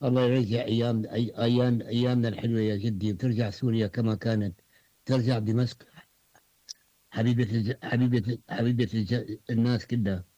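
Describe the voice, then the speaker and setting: Fast-talking old man, fond and halting. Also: mid-range voice, little pitch movement, dark tone, no room sound, low-quality recording. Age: older. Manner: fond, halting, repeats words. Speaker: grandfather. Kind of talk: recorded reminiscence.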